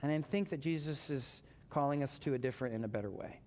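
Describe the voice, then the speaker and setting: A man's voice: mid-range voice, fast, a little mellow. A man preaching a sermon as pastor, talking in a conversational way and joking with his congregation. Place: church sanctuary. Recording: long church reverb.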